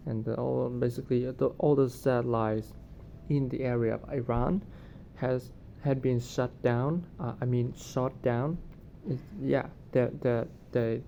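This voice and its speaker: A vlogger gives casual, unscripted commentary on current events in a halting, hesitant way, searching for words. His voice is slightly mellow and creaky. A noticeable low rumbling noise runs underneath the recording.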